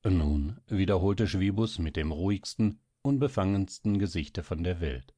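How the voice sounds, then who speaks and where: A man reading a classic novel aloud as narrator, in a measured, even storytelling manner. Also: low voice, no echo, clean studio sound.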